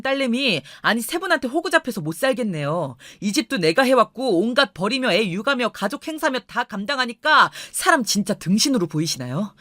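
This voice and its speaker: A woman voicing a furious young husband who speaks in a low, firm, clipped way. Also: a bit bright, no room sound, clean studio sound.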